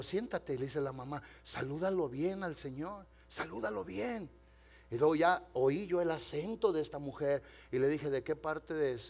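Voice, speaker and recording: A man pastor preaching a sermon in Spanish, telling a story with dramatic pauses, asking the congregation to respond and slipping in English phrases. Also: a little high. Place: church.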